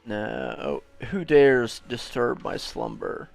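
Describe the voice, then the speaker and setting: A man's voice: medium pitch, expressive, normal speed, gravelly, clean tone. A man giving casual game commentary with blunt, sarcastic heckling. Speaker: gamer reacting to a game. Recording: game music behind the voice.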